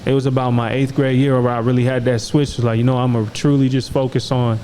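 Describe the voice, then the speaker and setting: A man's voice: mid-range voice, little pitch movement, fast, warm tone, slight background noise, rough recording. A young man from Iowa hosting a podcast, talking in a laid-back, slangy way and often asking "you know what I'm saying". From Des Moines, Iowa. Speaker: podcast host. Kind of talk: casual conversation.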